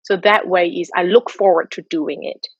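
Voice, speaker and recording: A woman's voice: fairly low pitch, moderate pace, creaky, breathy edge, no echo, dull audio. A woman from Malaysia speaking as a guest on a video call, giving earnest, motivational answers about mindset and habits. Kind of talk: online talk answering questions. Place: home in Tokyo.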